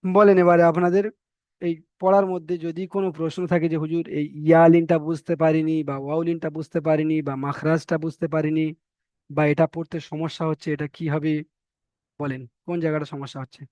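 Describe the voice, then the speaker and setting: A male Quran teacher in an online lesson, patiently explaining pronunciation and repeating each sound slowly. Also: fairly high pitch, level tone, a little mellow, dry recording, highs cut off.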